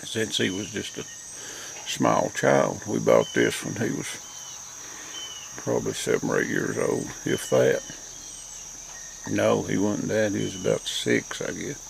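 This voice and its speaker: Old country guy w/ appalachian accent, real gravelly, rambling plain talk outside, bit of cricket noise. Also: lowish voice, animated, a little slow, long pauses, poor audio. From Appalachian mountains, southern US. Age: older, grandparent. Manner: folksy, plainspoken mountain dialect. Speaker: host. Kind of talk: rambling, reflective front-porch monologue. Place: outdoors, rural porch. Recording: outdoor insect and nature noise.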